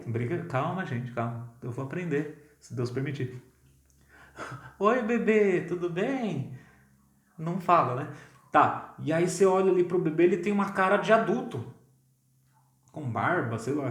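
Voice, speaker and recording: A man with a Brazilian Portuguese accent preaching a sermon as pastor, talking in a conversational, lively way and often asking "né?". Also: a little high. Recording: roomy echo.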